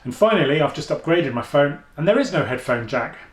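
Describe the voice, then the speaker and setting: Speaking a little fast and expressively, a deep-voiced man works through a casual headphone review vlog at home indoors. His style is chatty and off the cuff, with thinking aloud, frequent restarts, and fillers, captured with a roomy sound.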